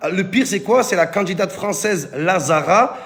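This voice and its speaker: A man delivers a comic rant to camera. His voice sits high with a gravelly rasp. He talks in rowdy street slang and keeps hailing his viewers as "les gars". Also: expressive, moderate pace, fairly bright tone. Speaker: comedian.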